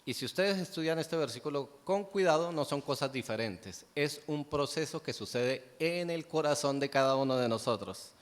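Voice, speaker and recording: Male pastor, fairly high voice, call-and-answer sermon, echoing church hall. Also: expressive, moderate pace, hardly any pauses. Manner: asks the congregation rhetorical questions, answers them himself. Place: church sanctuary. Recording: long church hall reverb.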